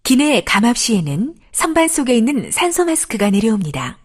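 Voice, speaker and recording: High-pitched woman, plane cabin announcement, formal and polite, lilting intonation. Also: big pitch swings, brisk, breathy edge. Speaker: flight attendant announcer.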